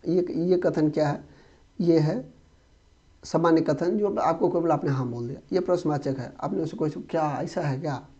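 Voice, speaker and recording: A man's voice: on the high side, normal speed, dark tone. A young man teaching an exam-prep grammar lesson in a conversational way, often checking that students follow. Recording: dull lo-fi recording.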